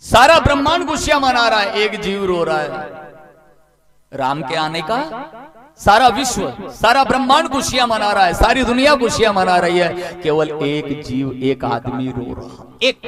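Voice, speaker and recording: A male religious storyteller telling a devotional story in a sermon, swinging dramatically between loud and soft and chanting verses. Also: high voice, expressive, a little slow, a crowd in the background.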